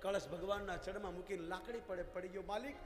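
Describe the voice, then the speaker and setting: A male religious storyteller giving a devotional story sermon, telling it dramatically with swings between loud and soft. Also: high voice, flat delivery, quick pace. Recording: echoey hall, faint music.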